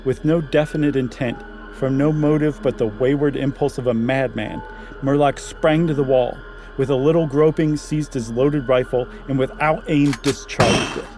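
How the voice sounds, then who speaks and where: Here an American co-host from Ohio talks casually on a podcast, then turns to dramatically reading a horror story. He speaks at medium pitch and normal speed, steady and a little mellow. The audio is poor, with faint music in the background.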